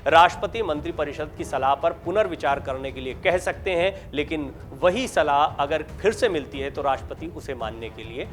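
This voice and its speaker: A man narrating a scripted news report in a steady, formal, explanatory read. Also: on the high side, normal speed, few pauses, slight background noise. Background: faint background music.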